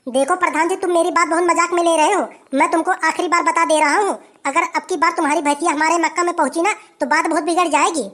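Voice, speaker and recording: A performer voicing an angry old farmer in a who shouts complaints and threats. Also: very high-pitched, fairly even intonation, fast, hardly any pauses. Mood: angry complaining. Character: grumpy old village man, angry farmer.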